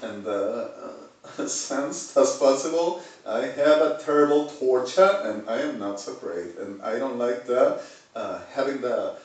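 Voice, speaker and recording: Argentine man, rambling solo monologue, erratic swings from mutter to shout; distant mic, heavy room echo. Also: mid-range voice, takes it slowly. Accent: Argentine Spanish. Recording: very echoey room, far from the mic.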